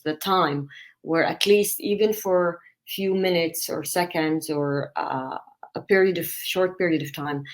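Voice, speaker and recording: A woman novelist, speaking hesitantly with many fillers in a recorded interview. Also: sits low. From Palestinian citizen of Israel. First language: Arabic.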